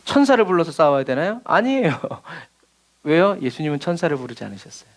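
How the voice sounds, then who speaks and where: A man's voice: a little high, sing-song, a little fast. A male pastor preaching a midweek sermon, asking the congregation rhetorical questions and acting out the lines he quotes. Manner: asks rhetorical questions and answers them, acts out quoted lines.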